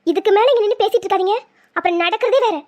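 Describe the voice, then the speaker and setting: A woman's voice: very high voice, rapid-fire, a little mellow. A woman voicing a wronged young college woman, emotional and defiant, in a cartoon. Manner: pleading then defiant, emotional.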